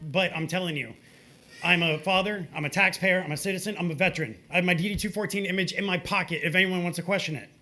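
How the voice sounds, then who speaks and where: A man's voice: high-pitched, bright, forceful tone. A man giving an impromptu public comment, confrontational and emphatic, repeating his points for stress.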